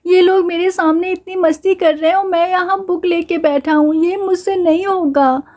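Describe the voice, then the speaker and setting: A woman's voice: very high voice, steady tone, moderate pace, a little mellow. A woman voicing a restless young boy doll who hates studying, in a doll play story, talking in a whiny, impatient way.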